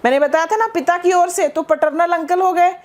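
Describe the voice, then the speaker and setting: Female English teacher, high voice, drawls model phrases slowly and rattles through explanations, keeps checking with the class. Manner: slow, spelled-out model phrases between quick explanations. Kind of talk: spoken English lesson.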